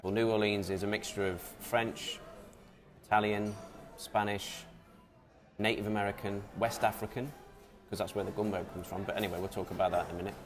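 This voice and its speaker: A man's voice: fairly low pitch, level tone, fairly quick, soft background music. A man co-hosting a casual food chat, explaining dishes and listing ingredients with many ums. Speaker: deli co-host.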